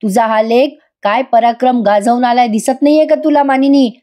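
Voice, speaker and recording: A woman voicing an angry, stern father who shouts and accuses his son. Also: on the high side, steady tone, normal speed, pitched above the performer's own voice, lightly acted. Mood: angry scolding.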